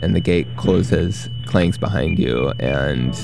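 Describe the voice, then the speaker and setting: A man telling a first-person documentary story as a journalist, measured and plain-spoken, with deliberate pauses. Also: deep voice, vocal fry, crowd noise. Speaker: journalist who worked as a prison guard.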